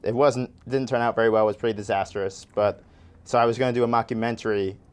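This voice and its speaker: A man's voice: medium pitch, steady tone, fast, smooth. A man in his twenties, originally from Chile, talks at length as a guest filmmaker in a loose, rambling way, full of "like". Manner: rambling, with many "like"s. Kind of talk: casual interview chat.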